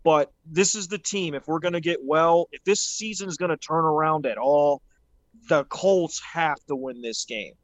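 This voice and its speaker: A man on a sports podcast gives blunt, emphatic opinions about his team, leaning hard on the words that matter. His voice sits a little high for a man, recorded dry and close. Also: normal speed, dry recording. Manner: emphatic, opinionated, rising to stress points. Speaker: podcast co-host. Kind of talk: casual sports podcast talk.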